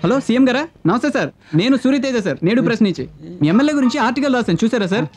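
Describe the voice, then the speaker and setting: A cheeky, fast-talking young reporter. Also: male voice, very high voice, expressive, darkish tone, soft background music. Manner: quick, cheeky, defiant. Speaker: newspaper reporter.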